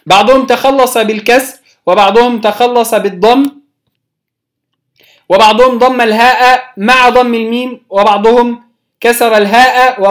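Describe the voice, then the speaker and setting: Egyptian-accented Quran recitation teacher. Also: medium pitch. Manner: patient, explanatory, drawing out recited example words slowly. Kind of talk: recorded religious lesson.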